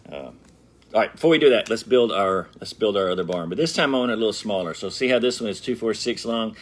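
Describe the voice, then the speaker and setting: A man's voice: on the low side, a little hiss or hum. A middle-aged man hosting a casual brick-building tutorial, chatting playfully and straight to his viewers as he works. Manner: chatty and playful, talks straight to viewers, hums and jokes while working. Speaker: brick-building channel host.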